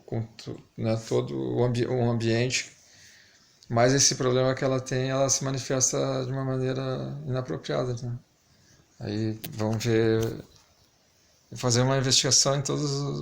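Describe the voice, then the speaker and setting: A man's voice: mid-range voice, vocal fry. A man talking casually and reflectively to camera, hesitant, his articulation slightly lisped and stumbling from wearing a dental retainer. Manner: hesitant, reflective, pausing often. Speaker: amateur video maker.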